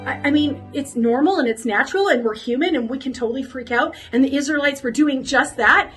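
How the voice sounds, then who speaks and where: High-voiced woman telling a kids' Bible story. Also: fairly quick, soft background music, low-quality recording. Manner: animated storyteller acting out crowd voices. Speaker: children's pastor.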